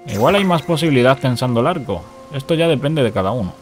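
Quick and lively, a medium-pitched male voice explains a game glitch as a gaming YouTuber would in a casual tutorial. He goes through the steps and repeats short commands, with music faintly audible behind.

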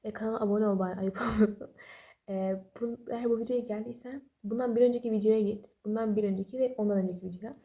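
Young woman vlogger, very dark mellow tone, quick chatty delivery, sleepy late-night talk without a proper mic. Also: mid-range voice, steady tone. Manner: rambling, apologetic, chatty with self-deprecating jokes. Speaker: study vlogger. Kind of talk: casual late-night study advice. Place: home at night while family sleeps. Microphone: no external microphone.

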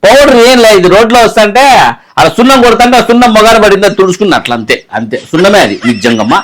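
A man's voice: high-pitched, expressive, racing, a bit bright. A man acting a flustered husband in a comedy skit, rambling and stammering excuses while pleading with his crying wife.

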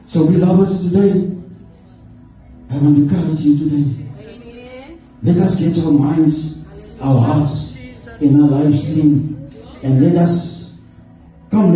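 Slow and fairly even in intonation, with long pauses, this middle-aged church elder speaks in a dark-toned voice that sits on the high side, faint music behind him. He exhorts earnestly with many "amens" from a stage in an indoor church hall, captured from afar in muffled, echoey audio.

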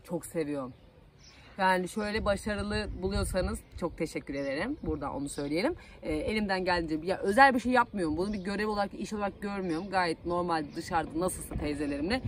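A woman's voice: fairly low pitch, fast talker, slight background noise. A young woman from Aydın with an Aegean Turkish accent, a TV field reporter chatting casually as she answers followers' questions with plenty of fillers. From Aydın, Turkey. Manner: chatty, homely, loose with fillers.

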